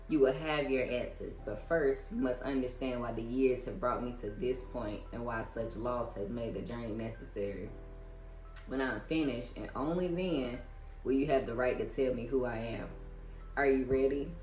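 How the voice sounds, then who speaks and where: The recording is low quality and reverberant, carrying a slightly mellow, mid-range voice. It's an American reviewer reading books aloud and adding informal asides between passages.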